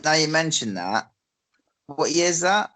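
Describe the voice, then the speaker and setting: A man's voice: a little high, big pitch swings, a little slow, sharp tone. A man, a podcast co-host chatting casually, blunt and sweary. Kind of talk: casual chat.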